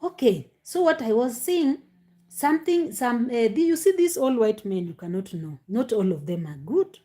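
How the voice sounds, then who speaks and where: A woman, talking casually to her viewers, animated, with many fillers and rhetorical questions. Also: fairly high pitch, normal speed. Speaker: commentary host. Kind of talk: casual live commentary to viewers.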